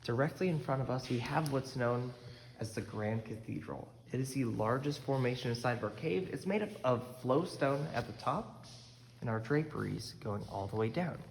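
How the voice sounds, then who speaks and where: A male cave guide speaks from deep inside a very echoey cave with long reverb and clear noise behind him. He explains what is around him step by step, in an accommodating, informal tour-commentary style. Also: lively intonation, normal speed.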